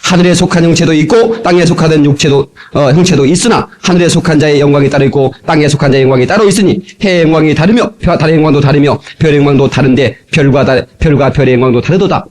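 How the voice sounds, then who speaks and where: A man preaching a sermon as pastor, playful and animated, with sudden loud exclamations, from an old cassette recording. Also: a little high, fast talker, hardly any pauses. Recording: old tape transfer.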